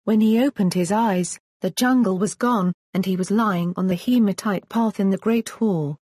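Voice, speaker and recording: A woman narrating a fantasy storybook in a measured, even reading voice. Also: mid-range voice, slightly rough, no echo, studio quality. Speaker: audiobook narrator.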